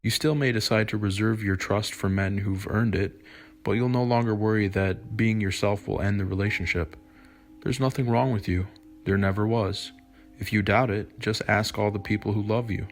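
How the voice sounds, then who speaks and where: A man narrating scripted dating advice in a slick, confident, measured manner, as the host. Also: lowish voice, fairly even intonation, faint music behind.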